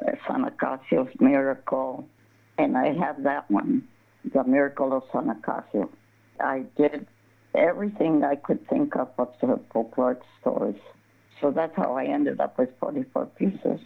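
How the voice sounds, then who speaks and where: This older southern Colorado woman, an embroidery artist being interviewed casually, has a rumbling low, gravelly voice with a breathy edge and speaks at normal speed. She tells rambling stories, frequently laughing and restarting words, and the phone line sounds tinny.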